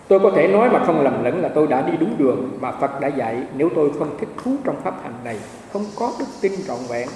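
A man's voice: on the high side, mellow. A man, a Buddhist monk, giving a rambling dharma talk full of anecdotes and repeated small words. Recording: echoey hall, mic far off, faint hiss.

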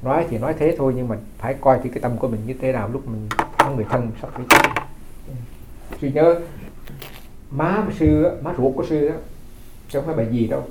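A man's voice: mid-range voice, fairly quick, reverberant, very noisy. A man who is a Buddhist monk from Vietnam, giving a dharma talk as folksy storytelling, often repeating his words.

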